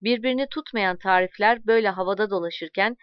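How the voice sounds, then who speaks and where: A woman narrating a story aloud in a calm, measured reading voice, voicing the dialogue as she goes. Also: medium pitch, smooth, no room sound, lo-fi sound.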